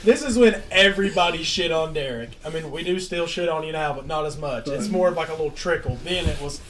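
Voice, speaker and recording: A man telling stories in a casual podcast chat, animated and laughing as he acts out quotes. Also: on the high side, quick pace, a crowd in the background. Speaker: podcast host.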